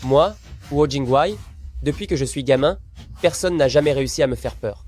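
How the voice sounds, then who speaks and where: A man's voice: mid-range voice, normal speed, darkish tone, soft background music, lightly acted. A man dubbing a rich young husband who protects his wife and threatens her attackers coldly. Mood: menacing. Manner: cold, threatening. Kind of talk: French drama dubbing.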